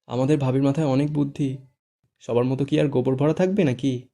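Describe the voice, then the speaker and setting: A man reading a story aloud, voicing a sharp-tongued young woman with a snippy tone. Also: medium pitch, steady tone, fairly quick, close to an everyday voice.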